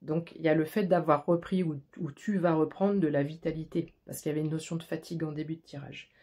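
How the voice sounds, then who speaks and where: A woman's voice: deep voice, steady tone, fast, warm tone. A woman giving a tarot reading to the listener, speaking in an intimate, reassuring way and often stumbling and repeating words as she goes. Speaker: tarot card reader. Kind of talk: tarot reading addressed to the viewer.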